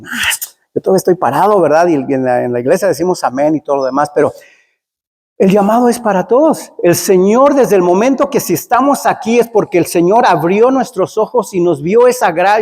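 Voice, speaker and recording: A man's voice: on the high side, a little mellow. A man preaching a sermon in a church, chatty and storytelling, often asking "right?". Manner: conversational, storytelling with frequent "¿verdad?". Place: church hall. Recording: long hall reverb.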